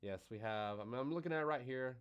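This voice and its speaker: A man of ordinary pitch hosts a live stream. He talks with excitable energy, his pitch and loudness swinging widely, and he sounds a little out of breath. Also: fairly quick, clear, resonant tone, lo-fi sound. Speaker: livestream host.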